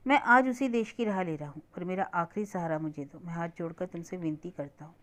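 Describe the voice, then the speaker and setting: A woman voicing a remorseful young man who pleads earnestly in a measured tone, in her own lowish voice. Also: fairly bright tone, natural voice. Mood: earnest pleading.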